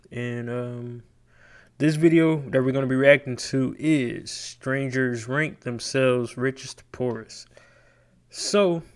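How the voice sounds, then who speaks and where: A relaxed man reacting to a video and talking straight to his viewers. His voice comes through smooth and clear on a close mic, easygoing and chatty. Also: mid-range voice. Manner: laid-back, chatty, with filler words. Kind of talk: casual reaction commentary.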